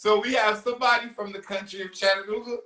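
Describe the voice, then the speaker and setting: A woman's voice: mid-range voice, steady tone, quick pace, a bit bright. A woman hosting a casual chat show, teasing her guests and laughing often. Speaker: podcast host. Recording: echoey room, distant mic.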